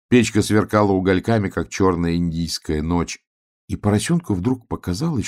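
A man reading a children's tale aloud, soft and expressive. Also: sits low, gravelly, husky. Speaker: narrator. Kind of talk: storybook reading.

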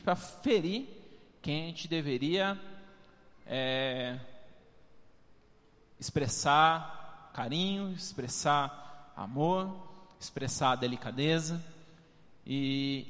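A pastor preaches in an easy, joking, conversational way, his voice swinging widely and sitting a little high for a man. He keeps checking in with the congregation, and a long reverb trails behind him in the church hall. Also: a bit bright. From Brazil. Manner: humorous, conversational, constant tag questions, addresses congregation as "amados". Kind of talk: sermon.

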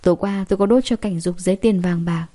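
A woman narrating a first-person audiobook story in a steady storytelling manner, voicing the heroine's lines too. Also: lowish voice, quick pace.

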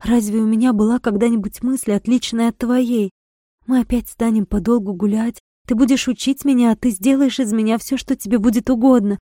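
A woman's voice: a little high, steady tone, brisk, mellow, dry recording, studio quality, voice pushed up, natural voice. Woman voicing a wild, impassioned young village girl. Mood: desperate. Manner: pleading, impassioned.

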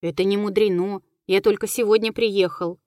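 A woman's voice: medium pitch, steady tone, normal speed, dark tone, no room sound, studio quality, lightly acted. A woman reading the lines of a polite, frightened young nobleman in an audiobook. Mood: alarmed. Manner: earnest, alarmed.

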